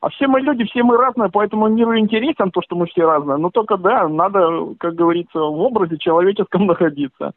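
A male caller with a high voice chats casually. He is agreeable and rambles through hedging phrases. The line is dry, narrow and tinny. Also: fast, few pauses, no room sound. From Russia. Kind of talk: casual phone conversation.

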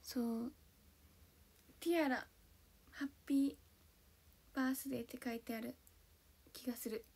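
A young woman's high, husky voice holds a steady, darkish tone at a moderate pace with frequent pauses. She is an idol livestreamer chatting casually in a bubbly, giggly manner, reading out viewers' comments individually and thanking each. She comes from Kanto, Japan, and was born in Hiroshima.

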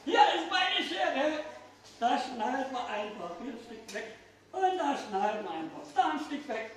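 Performing as a children's party magician, an older man fires playful questions and exclamations at the kids in his show patter, his voice extremely high-pitched, sing-song, and moderately paced. A distant phone camera in the audience captures him in a small, restaurant-like indoor room, so the audio is echoey, far from the mic, and faintly noisy.

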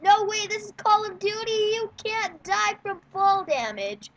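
A woman giving casual, rambling play-by-play commentary on a match, with quick sarcastic asides. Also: very high voice, big pitch swings, fairly bright tone, a little hiss or hum. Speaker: gameplay commentator.

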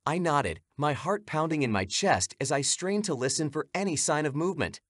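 A man narrates a horror story in a dramatic, suspenseful manner, his pitch rising and falling with lively animation. The recording is close and dry, with no room sound. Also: normal speed, no echo. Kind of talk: scripted narration.

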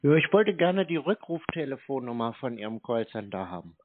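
Brisk and swinging widely in pitch from a mid-pitched base, a male caller stubbornly confronts a call centre, speaking bluntly, insistently and colloquially. The phone conversation comes through a telephone line as thin, tinny, narrow-band audio.

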